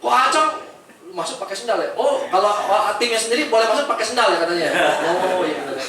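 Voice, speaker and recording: A man giving an energetic motivational talk, often asking the audience "right, friends?" in casual slang. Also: sits high, quick pace, crowd noise. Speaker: motivational speaker. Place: large echoey event hall. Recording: echoey hall, far-off mic.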